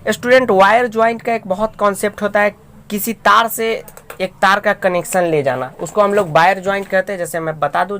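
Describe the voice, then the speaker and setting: A man's voice: high voice, a bit bright. A man teaching a school science lesson, explaining step by step and often calling out to his students while he draws diagrams. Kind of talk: classroom science lecture.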